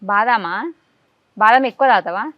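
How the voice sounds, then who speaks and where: Woman firing quick coaxing questions at a kid, kinda high voice, dry dull lo-fi sound. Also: no echo. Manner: coaxing, rapid-fire questions. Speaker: interviewer. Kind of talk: casual interview with a child.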